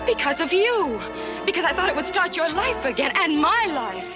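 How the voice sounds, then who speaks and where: Young western wife, high lilting pitch, earnest, pleading, TV drama, music behind. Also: female voice, very animated, normal speed. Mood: hurt, protesting. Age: young adult. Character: hopeful, earnest young frontier wife, wounded when accused. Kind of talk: period western television drama acting.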